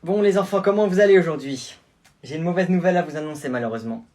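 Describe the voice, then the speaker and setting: A man doing a soft-spoken substitute teacher. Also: fairly high pitch, close to an everyday voice. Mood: gentle. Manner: soft, unhurried classroom address. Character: gentle female substitute teacher on her last day.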